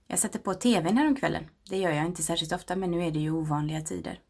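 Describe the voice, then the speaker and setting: Husky woman in her 30s reading a slow meditation, low-ish voice with fry, drifts into whispers. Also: a little mellow. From Sweden. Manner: slow, reflective and intimate, often dropping to a whisper. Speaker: narrator.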